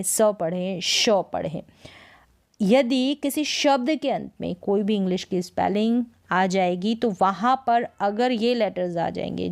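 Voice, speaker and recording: A woman's voice: mid-range voice, a little mellow. Woman, English teacher, Hindi lesson, repeats words, quizzes listeners. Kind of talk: explaining pronunciation rules.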